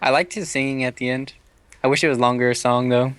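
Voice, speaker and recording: Male co-caster, relaxed quips, mid pitch, dry close-miked sound. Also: quick pace, clean tone, no echo. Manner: easygoing, chuckling, short quips. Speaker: esports co-commentator. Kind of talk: casual on-air banter.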